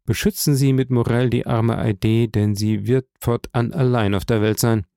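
A man reading aloud plays a grave older nobleman who speaks in a solemn, measured way. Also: mid-range voice, fairly even intonation, creaky, warm tone, clear, resonant tone, dry recording, clean studio sound, close to an everyday voice.

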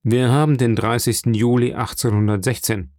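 A man voicing a measured, businesslike male prison inspector in an audiobook reading. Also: medium pitch, fairly even intonation, darkish tone, no echo, studio quality, lightly acted. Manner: matter-of-fact, businesslike.

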